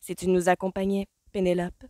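A woman's voice: lowish voice, monotone, fairly quick, mellow, dry recording, studio quality, natural voice. A woman reading an audiobook voices a pushy older sister who presses and demands.

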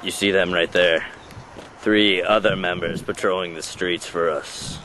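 A man behind a handheld camera outdoors, bossing a friend through silly tasks and yelling excitedly at times. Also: low-pitched, measured pace, background noise. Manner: bossy and joking, breaks into excited yelling. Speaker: camera operator giving tasks. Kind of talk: goofy home-video comedy. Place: outdoors in a neighborhood.

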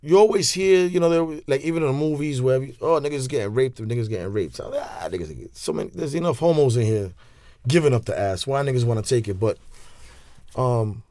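A man's voice: mid-range voice, a little fast, no echo, studio quality. A man in his forties with a New York accent, telling stories in a casual interview, heavy on street slang and restarts. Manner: street slang, animated hand gestures, many restarts. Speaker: interview guest. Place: small studio with leather couch. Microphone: studio mic on stand.

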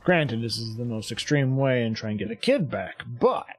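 A man's voice: mid-range voice, animated, normal speed. A man hosting a gaming channel, giving joking let's-play commentary and talking back to the game. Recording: voice over loud game sound and gunfire. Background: game gunfire and ambience.

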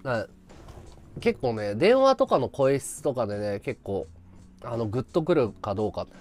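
A man's voice: mid-range voice, big pitch swings, normal speed, a little mellow. A man from Chiba chatting casually with his live-stream viewers, rambling and laughing at his own stories. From Chiba, Japan.

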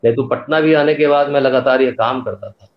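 A man's voice: medium pitch, a little fast. An older man, a poet, answering interview questions in a thoughtful, explanatory way. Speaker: guest poet. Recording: echoey, dull-sounding remote audio.

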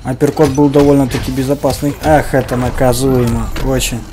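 A man's voice: medium pitch, level tone, fairly quick. A man giving casual gameplay commentary in short, informal, slangy reactions. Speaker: gamer. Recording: game music behind the voice. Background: game music.

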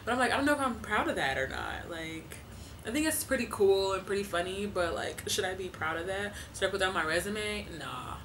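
A woman's voice: medium pitch, lively intonation, brisk, a bit bright, a little hiss or hum, poor audio. A woman in her twenties chatting casually to camera from her living room, talking loosely with lots of fillers and laughs. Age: 20s. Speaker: vlogger.

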